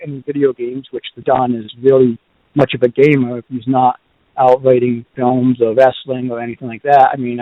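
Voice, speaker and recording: A Boston-accented man hosts a podcast, rambling casually through reviews with plenty of ums and uhs. His voice is medium-pitched, and the recording is dry and phone-like lo-fi with no room sound.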